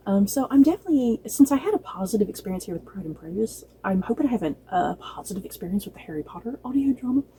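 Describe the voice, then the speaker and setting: A woman with a medium-pitched, dark-toned voice gives a casual, gushing review straight to her viewers, informal and playfully exasperated. She's a book and drama review vlogger, and the audio is poor, with a little hiss or hum.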